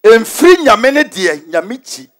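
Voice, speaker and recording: A man with a Ghanaian accent preaching a forceful, repetitive sermon in a large stadium, mixing in English phrases. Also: very high-pitched, big pitch swings, slow. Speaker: prophet preaching.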